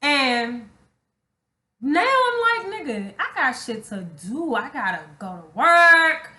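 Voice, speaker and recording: Recorded in an echoey room, this young woman co-hosting a podcast speaks slowly in a high-pitched, bright, forceful voice that's very animated. She discusses relationships casually and frankly, emphatic and slangy, with her speech laced with profanity.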